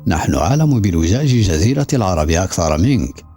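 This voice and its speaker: A man's voice: sits low, very animated, a little fast, dark tone, faint music behind. A man voicing a fierce, defiant woman who mocks those around her in an audiobook. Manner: sarcastic.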